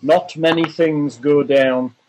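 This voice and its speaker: Game master, slightly high male voice. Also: slow pace, slight background noise, rough recording. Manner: calm, descriptive narration with restarts. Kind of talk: narrating a tabletop game.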